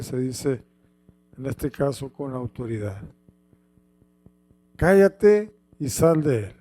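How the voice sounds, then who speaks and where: A man reading Bible passages aloud and then preaching on them, with slow, halting delivery and many repeated words and fillers. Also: on the high side, mellow.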